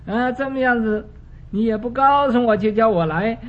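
A man's voice: extremely high pitch, normal speed, pitched above the performer's own voice. A man voicing an indignant, argumentative old male lawyer who protests and argues every point. The recording is dull and lo-fi with a faint hiss.

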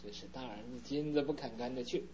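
A man telling a parable in a sermon, unhurried and full of fillers, as a Buddhist preacher. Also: mid-range voice, a little mellow. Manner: unhurried storytelling with many fillers. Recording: dull lo-fi recording with faint hum.

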